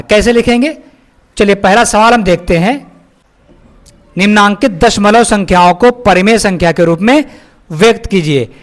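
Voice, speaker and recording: A male maths teacher explaining a lesson step by step, often asking his pupils questions and calling them child. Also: high-pitched. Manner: asks pupils questions and checks their understanding.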